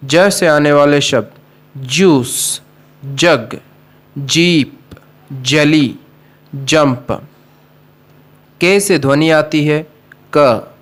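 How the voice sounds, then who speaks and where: A man teaching a slow, deliberate phonics lesson, reading example words one by one. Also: a little high. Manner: slow, deliberate word-by-word listing.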